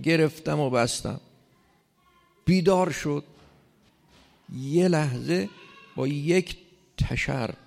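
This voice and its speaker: With a fairly high pitch and vocal fry, a preacher drives home his key lines, his emphatic delivery climbing to loud stresses. The sermon echoes with long hall reverb.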